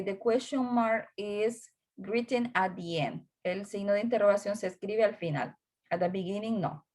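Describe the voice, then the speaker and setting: Bilingual woman teaching English grammar. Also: mid-range voice. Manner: explains slowly, repeating each term in English and Spanish. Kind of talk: recorded online class.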